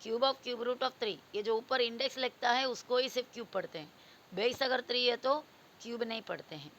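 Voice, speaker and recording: Patient higher-voiced woman teaching maths. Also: normal speed, a bit bright, muffled recording, slight background noise. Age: adult. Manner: patient, repetitive explaining, mixing English number words into Hindi. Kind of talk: classroom-style maths lesson.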